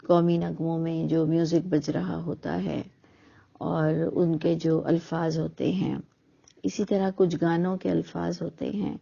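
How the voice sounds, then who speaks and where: A middle-aged woman with a lowish, gravelly, warm voice delivers an earnest, argumentative reflective monologue on religious questions, packed with rhetorical questions. The recording is dull and lo-fi.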